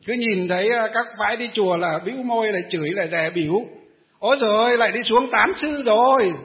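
A male Buddhist monk giving a dharma talk and telling a story with many hesitant fillers. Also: high voice. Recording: tinny phone-like sound.

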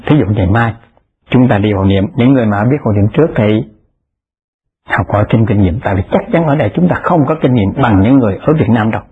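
A man's voice: fairly low pitch, quick pace, slightly rough. A man giving a Buddhist dharma talk, telling stories and acting out the people in them. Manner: animated, acts out the people in his stories. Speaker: Buddhist lay dharma speaker. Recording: tinny lo-fi phone-like recording.

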